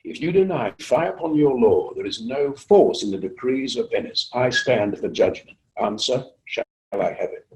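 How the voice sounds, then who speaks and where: A man's voice: medium pitch, animated, normal speed, a little mellow, pitched above the performer's own voice, natural voice, poor audio. A man performing Shylock, defiant and declamatory. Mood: defiant demanding. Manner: emphatic, declamatory. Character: Shylock, defiant wronged moneylender arguing in court. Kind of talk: theatrical Shakespearean recitation.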